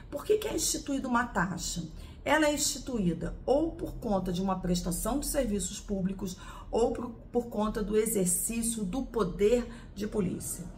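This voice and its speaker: A woman's voice: medium pitch, creaky, a little hiss or hum. A woman from Brazil teaching a lesson, explaining step by step and answering her own questions. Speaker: law teacher.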